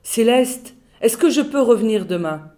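A woman reading the lines of a gentle, timid young boy in her own voice. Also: on the high side, expressive, unhurried. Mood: earnest.

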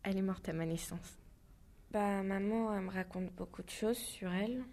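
A teenage girl speaks calmly in a mellow, dark-toned voice. She describes a scene plainly and steadily. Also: mid-range voice, moderate pace. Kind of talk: spoken testimony.

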